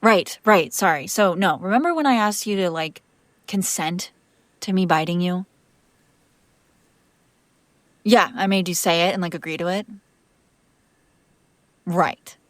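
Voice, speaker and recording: In a roleplay audio drama, a woman plays a young vampire who is affectionate, teasing, and protective, speaking in a halting, casual, intimate way that slips into breathy whispers. Her voice is lowish and close to an everyday voice, the recording dry, and the mood flustered as she explains.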